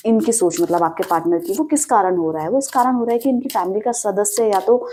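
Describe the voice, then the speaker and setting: A woman reads tarot cards and talks straight to the listener in a steady, mid-pitched voice. She explains in a reassuring way, poses questions and answers them herself, and adds many small fillers as she goes. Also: fairly quick, slight background noise. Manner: addresses the listener directly with rhetorical questions and frequent fillers. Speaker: tarot reader. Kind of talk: direct-to-camera tarot reading.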